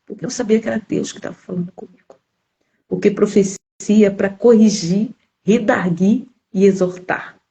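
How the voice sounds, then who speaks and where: A woman's voice: mid-range voice, normal speed, vocal fry, mellow, poor audio. A woman from Brazil preaching and giving her testimony, emphatic and repeating words for stress. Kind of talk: sermon testimony.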